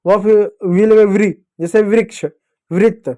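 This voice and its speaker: A man teaching young children to read, speaking slowly and repeating each syllable for them to say after him. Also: high-pitched, fairly even intonation, mellow. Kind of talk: Hindi reading lesson for children.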